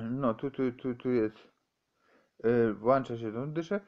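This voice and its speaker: Man, mid pitch, halting rambler with constant restarts, muffled lo-fi sound. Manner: halting, many restarts and repeated words. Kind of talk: rambling amateur explanation.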